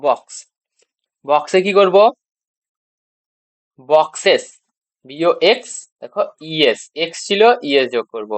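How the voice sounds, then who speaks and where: Patient teacher spelling letters aloud. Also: male voice, on the high side, expressive, takes it slowly, pauses often, no echo. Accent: Bengali. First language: Bengali. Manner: asks rhetorical questions and answers them, repeats spelled letters. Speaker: English teacher. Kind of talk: classroom grammar lesson.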